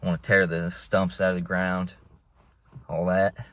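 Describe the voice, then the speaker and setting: A man's voice: low-pitched, level tone, normal speed, a bit bright, dry recording. A young man vlogging from inside a car, rambling in a laid-back way and calling his listeners bro. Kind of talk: casual rambling monologue.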